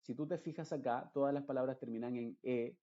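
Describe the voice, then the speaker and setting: A man's voice: medium pitch, fairly even intonation, fairly quick, mellow, muffled recording. A man, teaching English pronunciation patiently and repeating example words. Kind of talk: slow, explanatory lesson narration.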